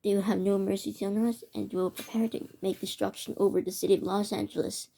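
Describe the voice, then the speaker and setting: In a rough recording, a woman with a creaky, mellow, mid-range voice and flat delivery reads a homemade emergency alert broadcast. She halts and stumbles over words, restarting often, in this amateur mock emergency narration.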